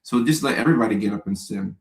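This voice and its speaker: A man, hosting a casual live stream and answering viewer questions in a relaxed, chatty way with joking asides. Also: fairly low pitch, rapid-fire, echoey room, low-quality recording.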